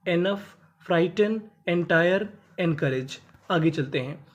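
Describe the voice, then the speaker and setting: A teacher spelling out English words letter by letter, sounding them out and then giving each word's meaning. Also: takes it slowly. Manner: drops pitch on the last word of each list. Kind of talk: spelling and phonics lesson.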